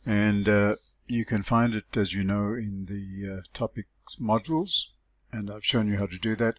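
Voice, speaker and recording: A man lecturing, giving instructions and reading a scenario aloud to students in measured phrases. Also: lowish voice, no room sound. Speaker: lecturer giving a class exercise.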